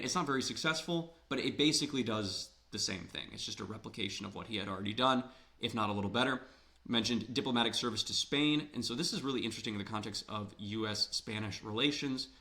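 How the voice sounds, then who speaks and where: Lecturing on literature, this Ohio man keeps a conversational style, asking rhetorical questions and repeating words when he wants to stress a point. His fairly low voice sounds pushed and bright. It's a little worn, as if he's starting to lose his voice.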